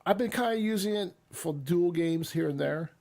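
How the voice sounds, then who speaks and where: A man's voice: fairly high pitch, normal speed, gravelly, a little mellow. A man chatting casually with friends on a voice call, easygoing and rambling, with many fillers. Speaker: streamer hosting a chat. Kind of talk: casual chat.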